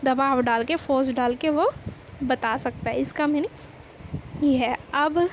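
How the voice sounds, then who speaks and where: High-voiced woman teaching a grammar lesson. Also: slow pace, a little hiss or hum, low-quality recording. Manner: explanatory, repeats questions to students.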